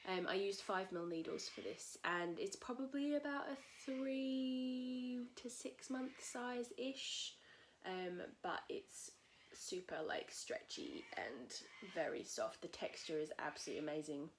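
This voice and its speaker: A woman hosting a casual knitting podcast from home, a little husky from a cold, chatting in a rambling way with many fillers. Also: mid-range voice, measured pace, a little hiss or hum. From England. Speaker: podcast host. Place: at home in a tiny house. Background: cockatoos calling outside.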